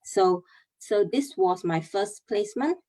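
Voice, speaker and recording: A young Malaysian woman speaks in an animated, warm, mid-range voice while giving a chemical engineering talk on a video call. Earnest throughout, she explains step by step, pausing frequently and leaning on fillers.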